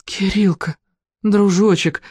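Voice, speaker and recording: A reader voicing a caring mother who turns fiercely protective, gentle with children and sharp with an officer, in a storybook reading. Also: mid-range voice, a little fast, no room sound, studio quality, close to an everyday voice. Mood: tender. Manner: tender, then indignant. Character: caring mother, brave and fiery when protecting.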